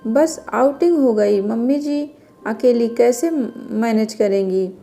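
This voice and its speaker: A woman's voice: fairly high pitch, takes it slowly, gravelly, dark tone. A woman voicing a polite young new bride. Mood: earnest. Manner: respectful, deferential. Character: young newlywed daughter-in-law, polite and eager.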